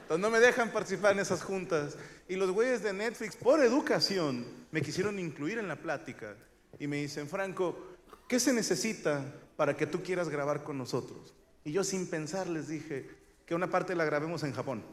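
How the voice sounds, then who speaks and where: A middle-aged man with a Mexican accent doing a stand-up comedy monologue, crude, rambling and self-mocking, with sudden loud shouts. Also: a little high, animated, normal speed, long reverb tail. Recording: noisy live stage recording. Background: audience laughter.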